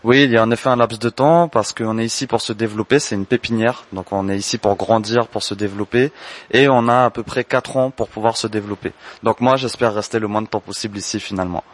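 A man in his twenties from French Guiana, answering interview questions about his business in a measured, explanatory way. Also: lowish voice, steady tone. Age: 20s. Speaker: entrepreneur, candle maker.

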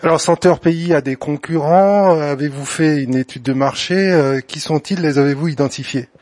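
A man's voice: fairly high pitch, normal speed, a little mellow, no room sound. A man interviewing a business owner, asking questions hesitantly with frequent fillers.

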